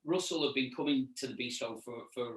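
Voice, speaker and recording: A middle-aged man, chatting casually as an interview guest and haltingly repeating words as he recalls things. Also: mid-range voice. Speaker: restaurant owner and chef, interview guest. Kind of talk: casual interview chat, reminiscing. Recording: echoey room, distant mic.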